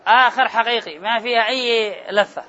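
A man's voice: extremely high pitch, fairly quick, pushed and bright, a faint crowd, a little hiss or hum. A man teaching a grammar class, repeating key terms and quizzing his students. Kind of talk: classroom lecture. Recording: muffled classroom recording with murmur.

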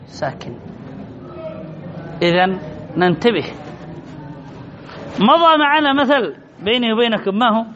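High-voiced man teaching, dull lo-fi recording. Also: sing-song, a little slow, pauses often, sharp tone. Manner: questions the students and answers himself, repeats key words. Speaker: grammar teacher. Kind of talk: classroom lesson on Arabic grammar. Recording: dull lo-fi recording with faint noise.

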